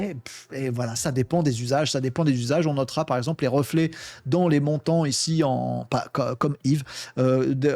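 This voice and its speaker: A man with a slightly high voice talks his way through a casual screen demo, filling pauses with hesitations and quips to himself. The sound is close and dry, with no room around it. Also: a little mellow, dry recording. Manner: chatty, thinks aloud, many fillers and self-talk. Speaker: tech video host.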